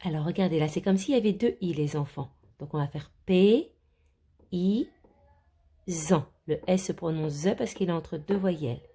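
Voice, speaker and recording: A woman teacher takes young children through a reading lesson, sounding out each word slowly. Her voice is low, dark and a little husky, and her delivery is lively and coaxing. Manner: slow, clearly sounded-out words. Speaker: primary school teacher.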